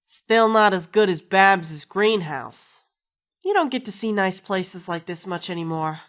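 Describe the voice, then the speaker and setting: A woman's voice: medium pitch, measured pace, a bit bright, natural voice. An actress playing a wisecracking, foul-mouthed woman companion in a video game, sarcastic and slangy. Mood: casual, wry.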